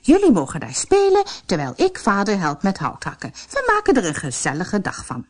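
A woman's voice: wildly swooping pitch, fairly quick. A woman voicing a cold, scheming stepmother in a storybook reading, speaking sharply and scolding. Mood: falsely sweet. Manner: sharp, scolding, higher than her narration.

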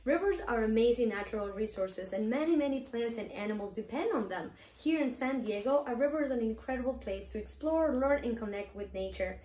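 A woman's voice: on the high side, lively intonation, brisk, hardly any pauses, warm tone, reverberant, a little hiss or hum. Woman reading a children's story. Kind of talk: reading a children's picture book aloud.

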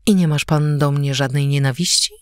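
A woman's voice: low voice, moderate pace, no echo, clean studio sound, natural voice. A woman doing a proud, cunning noble lady. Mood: sweetly pleading. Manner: haughty, pleading then threatening.

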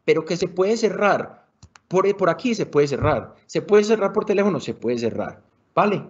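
A man with a Colombian accent giving a lively online sales workshop, shifting his volume and speed for emphasis and calling his audience muchachos. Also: high-pitched, normal speed. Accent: Colombian Spanish. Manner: animated, varies loudness and speed for emphasis; colloquial, addresses audience as muchachos. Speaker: sales trainer. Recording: somewhat dull lo-fi video call audio.

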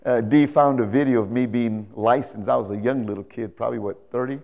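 A pastor in his sixties delivers an animated sermon from an indoor church stage, telling anecdotes emphatically, repeating phrases, and checking that the congregation agrees. His mid-range voice is brisk and a little mellow with vocal fry, captured lo-fi on a lapel mic.

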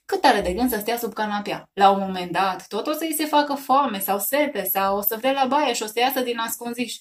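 A woman's voice: fairly high pitch, close to an everyday voice. A woman voicing a playful, loving father in a storybook reading, hearty and mock-serious. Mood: amused.

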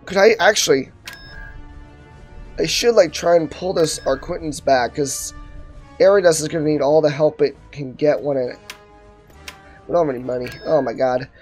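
Young guy playing a strategy game, chatty muttering to himself, slightly high voice, faint music. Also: normal speed, long pauses, a little mellow. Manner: thinking aloud, muttering asides to himself. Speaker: gaming video host. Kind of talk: casual let's-play commentary.

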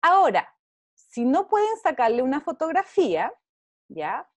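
A woman's voice: high voice, huge pitch swings, unhurried, no room sound. A woman teaching an online visual arts class to young pupils, with a Chilean Spanish accent, encouraging and checking in often with the children. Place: home, over a video call. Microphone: video call.

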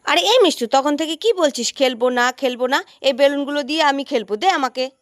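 A woman acting out a fussing young mother in a comedy sketch, her voice pitched extremely high. She scolds and exclaims at a fast clip, bossy but doting. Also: no echo, natural voice. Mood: scolding. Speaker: mother in a comic skit. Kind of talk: comic skit acting.

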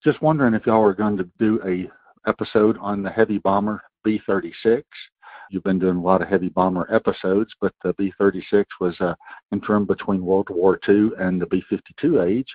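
A man's voice: deep voice, fairly even intonation, fairly quick, no echo. A man from Missouri, calling in casually and friendly with a question. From Missouri, USA. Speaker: caller. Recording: tinny phone line, dry.

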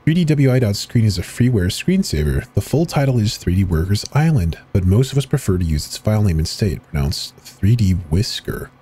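Fairly low-pitched, mellow and slightly rough, this man's voice swings widely in pitch as he moves a little fast with few pauses. He's reading web pages and installer text dramatically for a horror video, adding short offhand asides while clicking through.

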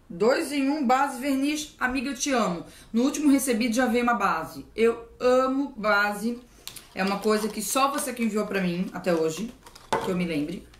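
Opening her mail at home for a casual unboxing chat, a vlogger from southern Brazil gushes playfully and exclaims often. Her pitch is fairly high, and the sound is roomy.

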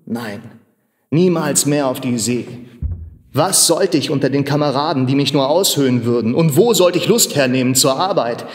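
A man's voice: mid-range voice, moderate pace, distant mic, close to an everyday voice. A man voicing a grieving young sailor who laments and pleads in an agitated way. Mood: despairing. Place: large machine workshop hall in a theater. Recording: long reverb of a large hall.

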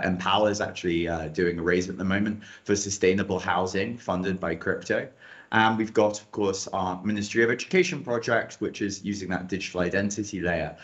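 A man in his thirties with a very low voice answers questions on a video call. He sounds upbeat as he explains, pausing on ums. The sound is dull and lo-fi. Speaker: guest, operations director.

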